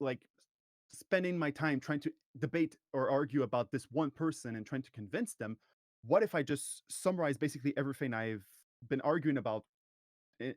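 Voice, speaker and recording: A man's voice: medium pitch, no room sound, studio quality. A man guest on a podcast, talking thoughtfully and at length, often restarting his sentences. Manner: long-winded, thoughtful, frequent restarts. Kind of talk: casual podcast conversation.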